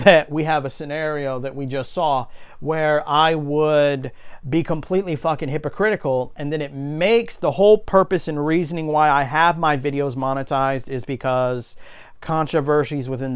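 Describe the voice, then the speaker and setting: Blunt man ranting, clear, slightly high voice. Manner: blunt, indignant, swears often. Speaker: video creator giving commentary. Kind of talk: ranting opinion commentary, casual and unscripted.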